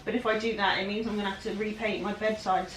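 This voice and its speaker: A woman's voice: mid-range voice, little pitch movement, quick pace, a little hiss or hum. A woman with a West Country English accent, chatting casually and rambling as she narrates her furniture painting. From England-Wales border, UK. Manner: chatty, rambling, self-deprecating. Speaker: furniture flipper. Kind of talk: casual DIY vlog narration.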